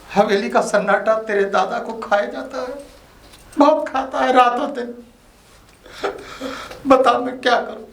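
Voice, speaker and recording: An actor playing a stubborn old grandfather who is the head of a mansion, talking slowly and pleadingly. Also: sits high, a bit bright, exaggerated voice. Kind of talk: low-budget Hindi drama acting. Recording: echoey room.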